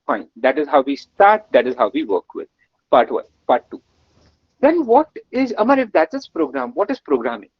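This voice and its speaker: This webinar instructor, a Gujarati man with an Indian English accent, runs a live coding lesson with energy, coaxing replies and heaping on praise and repetition. His fairly high, slightly rough voice comes at normal speed, in dry, muffled audio with no echo.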